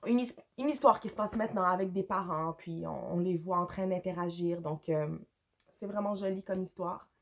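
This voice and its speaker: A woman with a Quebec French accent and a hoarse, gravelly voice, casually reviewing books in a hesitant, rambling way with English words slipped in. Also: lowish voice. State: hoarse, with a cough. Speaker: book reviewer, mother. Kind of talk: casual unscripted review to camera.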